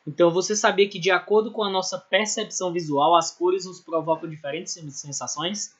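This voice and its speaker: A man's voice: high-pitched, fairly even intonation, fairly quick, husky, muffled recording. A man teaching an art class, explaining at length and checking in with constant tag questions and restarts. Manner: explanatory, many "né?" and "ou seja" tags, self-corrections. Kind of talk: recorded online class lecture.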